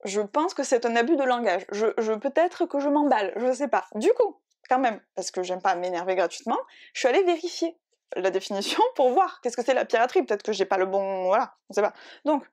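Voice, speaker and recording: A bubbly woman chats casually to camera about books and drawing. Her voice sits a little high, and she rambles, corrects herself mid-sentence and breaks into laughter easily. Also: animated, a little fast, a little mellow. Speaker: book and art vlogger.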